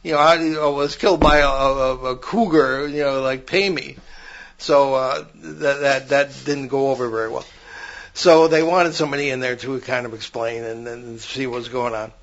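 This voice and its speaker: With a steady, fairly bright mid-range voice at normal speed, this older paranormal podcast co-host spins long, rambling stories full of restarts during casual conversation. The recording has its highs cut off.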